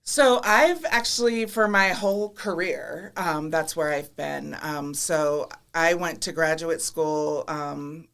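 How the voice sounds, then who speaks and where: A middle-aged Midwestern woman from Minnesota or Iowa, with an American accent, answers questions as a podcast guest and government commissioner. Her voice is low and fairly bright, and she speaks slowly with hardly any pauses, candid and reflective with light self-deprecating humor.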